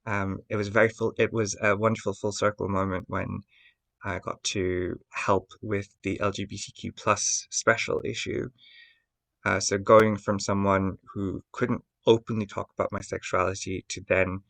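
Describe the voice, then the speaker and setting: A man from Bangladesh, a contributing editor, telling his own story in a soft-spoken way with frequent um fillers. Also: fairly low pitch, little pitch movement, moderate pace, gravelly. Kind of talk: personal testimony.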